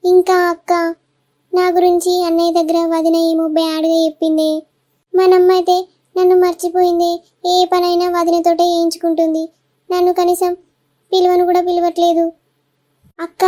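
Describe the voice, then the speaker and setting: Figure: aggrieved younger sister in a cartoon, voiced by a woman. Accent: Telangana Telugu. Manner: complaining. Pitch: very high and flat. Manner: complaining, tattling.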